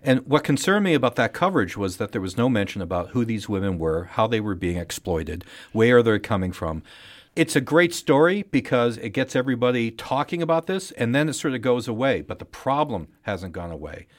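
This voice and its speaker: In a radio studio, a newspaper journalist serving as a panelist gives conversational news commentary. His medium-pitched voice is animated and fairly quick, and he talks bluntly, emphatically, and with strong opinions.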